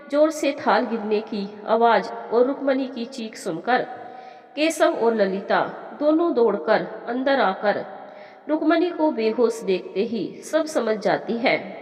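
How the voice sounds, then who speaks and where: A woman tells a sad village story in steady, emotional narration. Her voice is a little high, and the long reverb of a roomy space hangs behind it. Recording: echoey room with long reverb.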